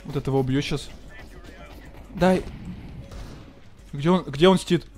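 Male game streamer, excitable and foul-mouthed, chatty slangy live commentary over music. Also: fairly high pitch, a little slow. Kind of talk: casual live gameplay commentary, thanking donors.

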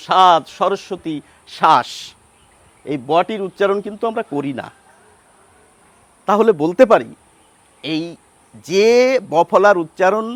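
A man's voice: sits high, no room sound. A man with a Bengali accent teaching a grammar lesson, sounding out example words and asking questions before he answers them.

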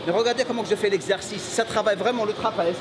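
Middle-aged man, fitness coach, energetic gym talk, high voice, loud clattering gym noise. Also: quick pace. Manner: energetic, pushes with repeated "come on". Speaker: bodybuilding coach and channel host. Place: large busy indoor gym.

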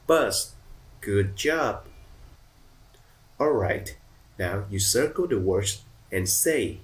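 A man teaching English to children, slow and encouraging and praising them often. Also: on the low side.

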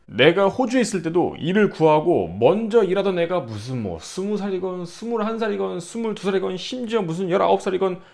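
Man in his thirties, foul-mouthed storyteller, lively and a bit high. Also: fairly quick, vocal fry, few pauses. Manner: brash, profane, acts out quotes. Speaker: vlogger. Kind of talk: casual storytelling monologue.

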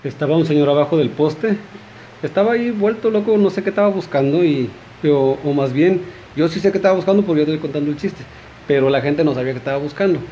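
A man's voice: fairly high pitch, fast talker, dark tone, slight background noise. A man with a Mexican accent telling short jokes in a chatty, rambling way, with fillers and asides to his listeners. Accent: Mexican Spanish. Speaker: joke teller.

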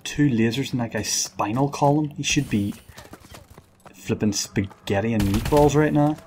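A man's voice: medium pitch, moderate pace, a little mellow, a little hiss or hum. A man giving casual, playful gameplay commentary, rambling along, repeating words and exclaiming. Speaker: gamer recording gameplay commentary.

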